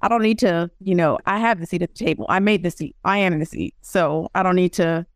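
A young woman, guest on a casual interview, tells stories with animation and acts out what people said. Her voice sits on the low side and moves fast, recorded clean in a studio with no room sound.

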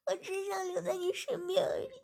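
A woman reading a story voices a young woman who is crying and pleading in a high, tearful, emotional voice. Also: steady tone, extremely slow, vocal fry, bright, forceful tone, heavily acted.

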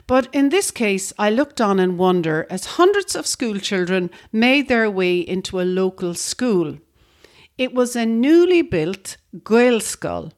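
Irish accent lady hosting, reading a script like a storyteller, talks right to you, medium pitch. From Ireland. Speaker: host. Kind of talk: scripted educational narration.

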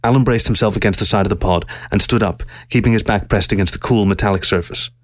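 A man narrating a science-fiction story aloud with steady, measured storytelling. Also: fairly low pitch, no room sound.

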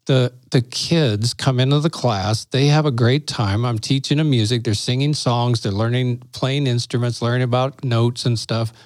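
Middle-aged man, pastor guest, animated storyteller who laughs easily and acts out dialogue; dry, close sound. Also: medium pitch, normal speed, few pauses, no room sound. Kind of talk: casual storytelling conversation.

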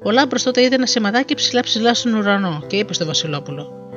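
A fairy tale is read aloud by a storyteller with a medium-pitched voice and lively delivery. The recording is dull and lo-fi, with faint music in the background.

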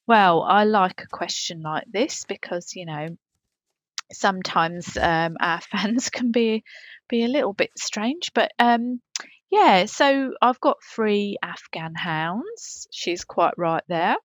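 A British woman plays a chatty, dog-owning pop singer answering fan questions as a podcast host in a comic advice segment. Her medium-pitched voice is expressive and slow as she rambles matter-of-factly, in a dry, lo-fi recording.

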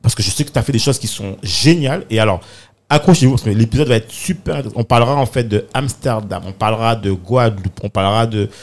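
A man's voice: on the low side, fast talker. Eager male podcast host. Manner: eager, leans on filler words. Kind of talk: casual interview chat.

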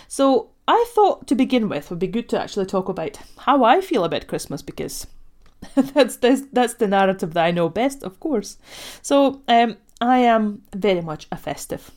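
A woman in her thirties from Latvia with Russian as her first language, hosting a podcast as a life coach in a gentle, reflective solo talk, often breaking into light laughs. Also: medium pitch, big pitch swings, normal speed. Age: 30s.

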